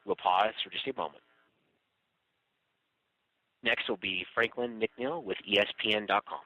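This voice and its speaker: A man's voice: on the low side, fairly even intonation, a little slow, sharp tone, no echo. A man making scripted announcements as the operator of a telephone conference call. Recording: tinny phone line, dry.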